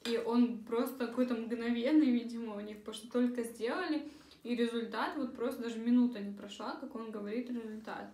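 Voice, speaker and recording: A woman's voice: on the high side, fairly even intonation, fairly quick, warm tone. A young woman chatting casually for a mukbang vlog, talking while she eats at a table. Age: young adult. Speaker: vlogger. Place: small room at a dining table. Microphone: camera across the table. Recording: roomy, faint cutlery and dish noise.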